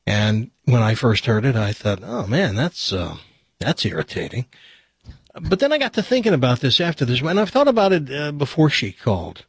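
Husky male radio host, dry close sound. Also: mid-range voice, big pitch swings, a little fast, hardly any pauses, dry recording. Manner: blunt, direct. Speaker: radio morning show host. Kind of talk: rambling casual radio talk.

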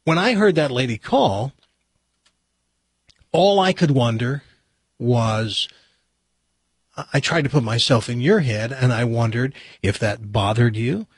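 A male radio host with a husky, mid-pitched voice talks in a blunt, rambling, conversational way. The sound is very dry and close. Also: animated, measured pace, pauses often, no room sound. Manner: blunt, direct. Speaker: radio morning show host. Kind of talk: rambling casual radio talk.

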